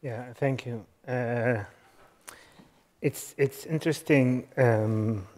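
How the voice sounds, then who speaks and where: A man's voice: mid-range voice, steady tone, very slow, darkish tone. A man from Syria, an activist speaking on a panel, hesitant with fillers and self-corrections. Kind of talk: panel discussion remarks.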